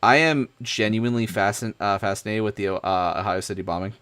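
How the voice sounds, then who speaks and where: A young man streaming, chatting casually in an excitable, rambling way. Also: lowish voice, a little fast, clean tone. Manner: rambling, excitable, many fillers and restarts. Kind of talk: casual chat.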